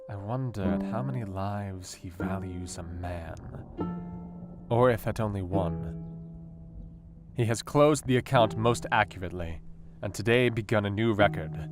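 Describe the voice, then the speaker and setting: An actor playing a brooding, intellectual Victorian asylum doctor, speaking a measured, formal diary monologue in a radio play. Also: male voice, fairly low pitch, close to an everyday voice. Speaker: actor in an audio drama. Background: guitar music.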